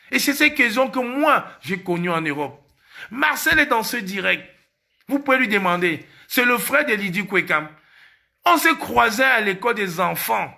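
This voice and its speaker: A Cameroonian man with a Cameroonian French accent speaks in a high, sharp and gravelly voice. He hosts a casual live stream and drives each point home by repeating it. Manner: emphatic, repeats key phrases.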